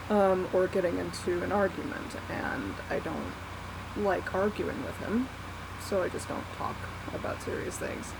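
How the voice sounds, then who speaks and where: Young adult, unhurried and halting, candid, casual confessional vlog, laptop mic, whirring fan noise. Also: mid-range voice. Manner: halting, candid, self-deprecating. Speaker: vlogger. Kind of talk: casual unscripted confessional vlog, one take. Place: small warm bedroom at night. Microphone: laptop built-in mic.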